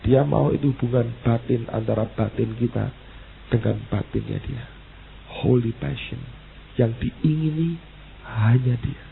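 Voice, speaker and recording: A male pastor preaching an emphatic sermon, repeating exclamations and reading verses slowly. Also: mid-range voice, vocal fry. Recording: tinny phone-like sound with faint hiss.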